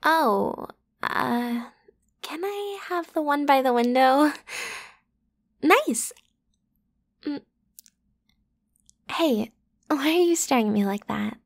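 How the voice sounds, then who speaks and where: Voicing a popular high school girl in a close-up ASMR roleplay, a woman speaks in an exaggerated, fairly high voice. Her breezy, pushy lines tease the one person she addresses in a casual, youthful way, acting out one side of a conversation.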